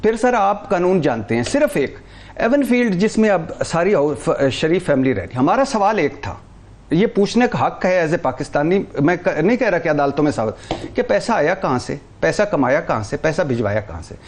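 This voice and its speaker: A man talking on a TV political talk show, animated, rattling off long lists of names with stumbles and restarts. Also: a little high.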